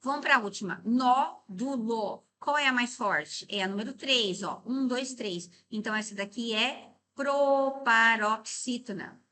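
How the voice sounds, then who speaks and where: Bright-voiced Brazilian woman teaching grammar. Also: a little high. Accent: Brazilian Portuguese. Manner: didactic, checks in often with "tá?" and "né?"; slows and stresses words to break them into syllables. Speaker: Portuguese teacher. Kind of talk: exam-prep grammar lesson.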